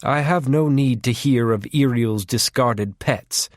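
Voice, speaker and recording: A man voicing a calm, orderly female faery queen who speaks in a cool, curt, composed way. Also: mid-range voice, a little slow, no echo, studio quality, close to an everyday voice.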